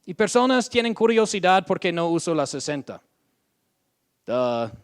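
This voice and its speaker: A man's voice: high voice, sing-song, clear, resonant tone. A man preaching a sermon as pastor, reading Bible verses aloud and often checking in with "ok?". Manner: slow, deliberate delivery with frequent "¿ok?" check-ins; reads scripture aloud, drawing out quoted verses.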